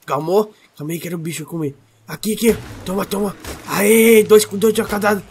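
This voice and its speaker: A man's voice: high voice, steady tone, fairly quick, a little mellow, a little hiss or hum. A man voicing a hungry, clingy newborn creature hatchling that whines and repeats its words in a game role-play. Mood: hungry, whiny.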